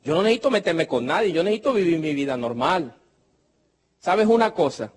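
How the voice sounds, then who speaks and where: A man preaching a sermon, slow and emphatic, rising to shouted declarations and telling stories in a conversational way. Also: fairly high pitch, sing-song, slightly rough. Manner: conversational storytelling, acting out other people's words.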